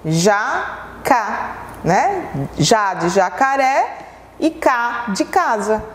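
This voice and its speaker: Slow, patient woman teacher for young pupils, a little high, in an echoey room with a long tail. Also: big pitch swings, slight background noise. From Brazil. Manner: slow, patient, asks pupils questions and answers them herself. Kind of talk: televised classroom lesson for children.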